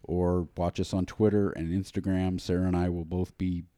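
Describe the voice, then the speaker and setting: Low-voiced man hosting a podcast. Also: moderate pace, no room sound. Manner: relaxed, chatty announcements with fillers. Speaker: podcast host. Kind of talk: casual chat.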